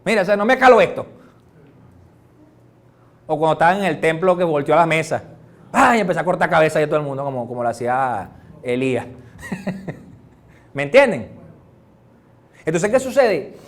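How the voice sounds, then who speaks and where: Animated Venezuelan pastor, high voice. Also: male voice, moderate pace, pauses often. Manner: animated, joking, acts out little dialogues. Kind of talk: conversational sermon.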